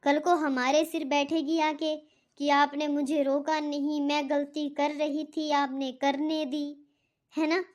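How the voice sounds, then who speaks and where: A woman's voice: high-pitched, level tone, slow. A woman voicing a strict, stubborn middle-aged father in a cartoon. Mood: insistent. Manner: stern, stubborn, lecturing. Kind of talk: cartoon voice acting.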